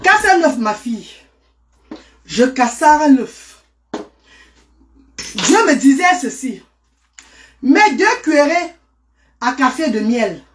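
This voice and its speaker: A woman's voice: high-pitched, big pitch swings, slow, long pauses. A woman talking live to her viewers in a casual stream, exclamatory and greeting people by name.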